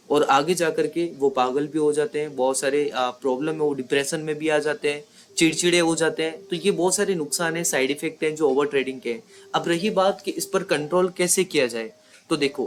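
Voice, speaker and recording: A man's voice: a little high, slight background noise. A man teaching as a trading mentor, talking in a conversational way and often checking in with his listeners. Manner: conversational, repeats points with rhetorical checks. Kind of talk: explanatory lesson.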